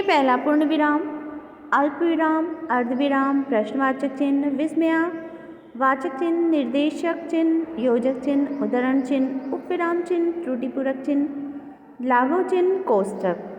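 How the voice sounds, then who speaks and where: A woman teaching a Hindi grammar lesson to schoolchildren, explaining slowly and speaking to them directly. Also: sits high. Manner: slow, explanatory, addresses children directly. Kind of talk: classroom lesson. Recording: echoey room with long reverb.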